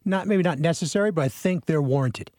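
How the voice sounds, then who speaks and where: A man in his forties, a lawmaker talking on a radio panel. He speaks in a measured, plainspoken way, with a few fillers. The sound is very dry and close, with no room at all. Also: a little high, darkish tone, no echo. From Massachusetts. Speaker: state representative, guest.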